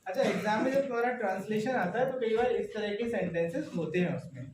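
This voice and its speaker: A teacher giving a lively classroom lesson, quizzing students by name and often checking they follow, with a joking manner. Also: mid-range voice, fast talker, distant mic. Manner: quizzes students by name, checks understanding with constant tag questions; joking, chatty. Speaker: English teacher. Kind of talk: classroom lesson in Hindi with English terms. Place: classroom, indoors. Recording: echoey classroom, voice from afar, noisy.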